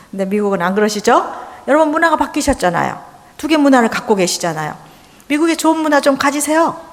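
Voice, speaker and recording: A woman from Korea preaching a lively sermon in a church, acting out little dialogues and bantering with the congregation. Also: medium pitch. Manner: animated, acts out dialogue, chats with audience. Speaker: missionary seminar speaker. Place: church sanctuary. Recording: church hall with long reverb.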